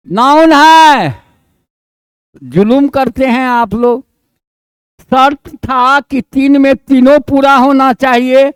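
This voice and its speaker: A man's voice: very high-pitched, no room sound. A male grammar teacher with a Bihari Hindi accent, teaching a class in a homely, colloquial way and keeping students engaged with questions and checks. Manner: homely, colloquial scolding and coaxing. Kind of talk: classroom lesson.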